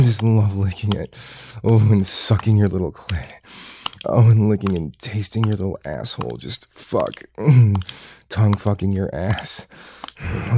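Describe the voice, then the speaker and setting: A man speaking an intimate whispered roleplay monologue in a breathy, murmuring delivery with soft sighs. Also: fairly low pitch, slight background noise. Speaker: erotic audio performer.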